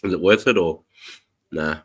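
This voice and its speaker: A man's voice: sits low, normal speed, breathy edge. An Australian man hosting a casual livestream, chatting in a blokey, slangy way with plenty of swearing. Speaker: livestream host.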